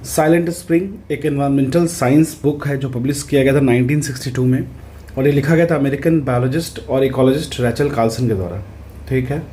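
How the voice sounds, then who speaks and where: Man tutoring in a mellow voice. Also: medium pitch, slight background noise. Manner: conversational, repeats "ठीक है" to check in, reads English questions out slowly. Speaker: exam prep tutor. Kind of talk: casual explanatory lesson.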